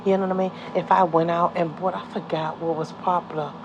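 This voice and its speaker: A woman's voice: lowish voice, little pitch movement, a little fast, lo-fi sound, background noise. A middle-aged woman, telling a painful personal story in a rambling vlog, often asking "you know what I mean". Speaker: caseworker and foster parent.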